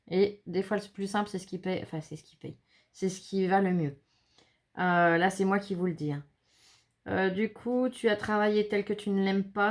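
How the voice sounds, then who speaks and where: A woman's voice: mid-range voice, a little mellow. A woman hosting a craft video, chatting in a reassuring way and reading viewers' notes aloud. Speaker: craft channel host. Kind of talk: casual chat.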